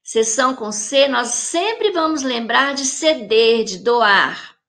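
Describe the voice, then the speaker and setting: Slow, high-voiced Brazilian woman teacher. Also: lively intonation, fairly bright tone. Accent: Brazilian Portuguese. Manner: slow, careful, explaining to pupils. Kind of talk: recorded grammar lesson for children.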